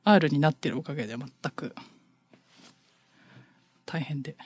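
A woman chatting casually as a podcast co-host, telling animated stories and laughing often. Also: sits low, a little slow, breathy edge. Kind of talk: casual chat.

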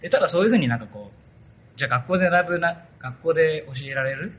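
A man's voice: a little high, expressive, fast talker, a bit bright, husky. A man hosting a casual tech podcast, chatting loosely through a sponsor spot with many fillers. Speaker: podcast host.

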